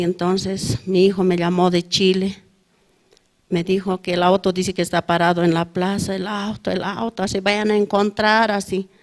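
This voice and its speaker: A middle-aged woman with a Bolivian Spanish accent, giving a testimony at a prayer service in a plain, conversational way and ending nearly every phrase with a questioning tag. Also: mid-range voice. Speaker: church member giving testimony.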